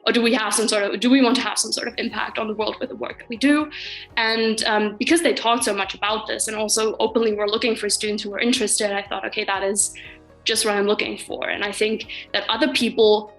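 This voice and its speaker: A woman's voice: mid-range voice, level tone, quick pace, fairly bright tone, soft background music, poor audio. A woman in her twenties, a master's student, talking casually about her studies with frequent ums and likes. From Finland and Germany. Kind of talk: casual interview talk.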